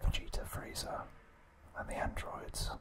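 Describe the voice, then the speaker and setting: In a breathy, unvoiced whisper, a male ASMR host recaps trivia in short, deliberate phrases.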